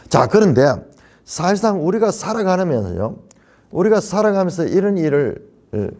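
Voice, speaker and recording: A man's voice: on the high side, dark tone. A man preaching as a pastor in a Bible study sermon, stressing points by repeating key phrases. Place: church.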